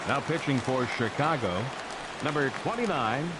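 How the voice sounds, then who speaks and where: A man voicing a formal stadium announcer heard over a PA system, calling names slowly and drawn out. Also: mid-range voice, expressive. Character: male ballpark public-address announcer, formal. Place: baseball stadium in a video game. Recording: distant PA echo with loud crowd noise. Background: loud crowd and ballpark noise.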